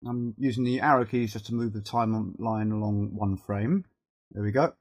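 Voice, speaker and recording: A cold has left this middle-aged video editing tutorial presenter with a husky, fading, lowish voice that is giving out. Speaking haltingly, he thinks aloud while guiding viewers step by step through the software informally.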